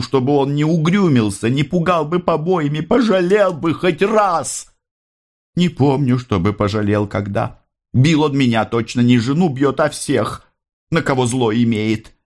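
A man voicing a gentle older mother worn by hardship, speaking in a raised, pleading and emotional tone. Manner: higher, pleading, emotional delivery.

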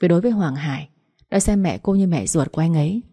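A woman narrates a story with a steady, expressive read. Her voice sits low and mellow, with a breathy, husky grain. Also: fast talker. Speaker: audiobook narrator.

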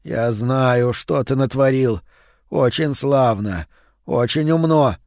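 A man voicing an unshaven, exhausted, half-mad man who speaks in a slow, hoarse, menacing drawl. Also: medium pitch, a little mellow, dry recording, clean studio sound.

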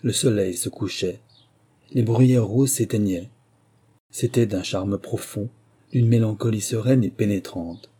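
A man narrating a literary short story in a slow, measured, lyrical manner. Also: on the low side, dark tone, breathy edge.

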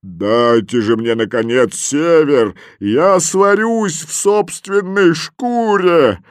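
A man voicing a huge, angry polar bear in an audiobook, booming slowly and forcefully. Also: clean tone, dry recording, clean studio sound. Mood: roaring.

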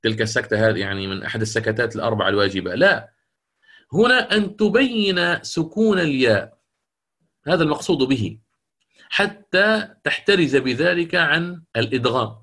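A man teaching the rules of Quranic recitation in a lecture, explaining patiently, repeating key phrases and chanting verse examples slowly. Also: medium pitch, expressive, a bit bright.

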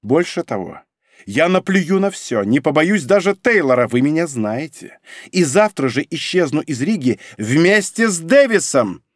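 A man's voice: on the high side, very animated, measured pace, no echo, clean studio sound. A man voicing a cold, domineering woman spy in an audiobook, icy and mocking in manner. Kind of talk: audiobook character reading.

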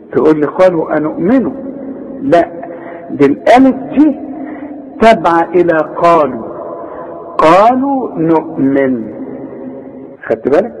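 A man with an Egyptian accent teaches Quran recitation. He explains quickly in colloquial speech, then recites single words slowly and drawn out. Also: fairly high pitch, darkish tone, in a large hall, muffled recording, slight background noise. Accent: Egyptian Arabic. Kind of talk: tajweed lesson.

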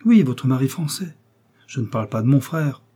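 A cold, sardonic English nobleman, read by a man in a mellow, husky voice. He needles and threatens with unhurried, icy courtesy. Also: medium pitch, lively intonation. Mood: contemptuous. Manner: sardonic, coolly menacing. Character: cold, mocking English lord, middle-aged.

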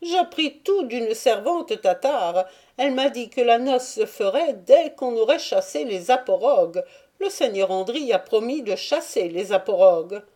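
A woman's voice: a little high, lively intonation, a little slow, mellow, voice pushed up. A woman reading aloud and voicing a fearful, pleading old male trader who protests his honesty. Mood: eager, voluble. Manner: voice raised, wheedling and protesting.

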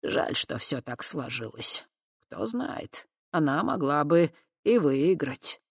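A reader voicing a calm, kindly fat horned man who speaks softly and deliberately. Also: mid-range voice, vocal fry, breathy edge, dry recording, studio quality, heavily acted. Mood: gentle. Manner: slow, soft, measured. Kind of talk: audiobook character voice.

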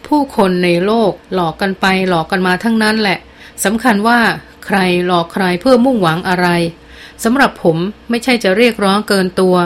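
In an audiobook, a cocky teenage boy, as a woman reads him taunts and needles with a sarcastic edge. The voice sits at an ordinary middle pitch. He pushes his point without backing down. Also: normal speed, close to an everyday voice. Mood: insistent. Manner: mocking, provoking. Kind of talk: audiobook character voice.

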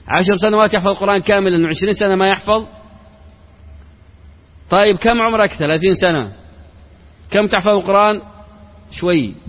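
A man, an Islamic sheikh, giving a religious lecture built on rhetorical questions and parables, mixing formal speech with everyday colloquial words. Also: sits high. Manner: mixes formal Arabic with colloquial. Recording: reverberant hall, dull lo-fi sound.

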